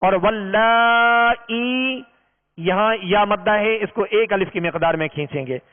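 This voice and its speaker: A man's voice: high voice, brisk. A man teaching Quran recitation in a patient, step-by-step way, drawing out long vowels as he demonstrates. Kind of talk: recorded tajweed lesson. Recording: tinny, reverberant lo-fi recording.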